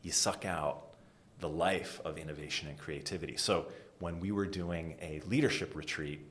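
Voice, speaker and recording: Deep-voiced American man telling stories. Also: normal speed, slight background noise. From New England, US. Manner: animated storyteller, drops to whispers for emphasis. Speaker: guest, design executive. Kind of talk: conversational interview.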